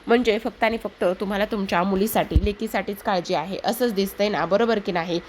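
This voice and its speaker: A woman's voice: medium pitch, steady tone, brisk, slight background noise, close to an everyday voice. Sly mocking son-in-law, voiced plainly by a woman narrator.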